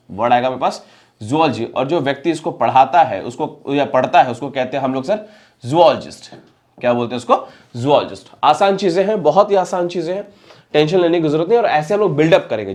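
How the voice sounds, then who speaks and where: Indian guy teaching vocab, asks then answers himself, says each word slow. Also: fairly high pitch. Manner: asks and answers his own questions, repeating each word slowly. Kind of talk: classroom-style lesson.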